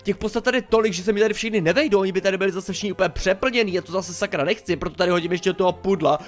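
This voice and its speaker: Excitable young male gaming YouTuber, high voice, chatty play-by-play over faint music. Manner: excitable, chatty, exclaims and swears mildly. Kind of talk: casual game commentary.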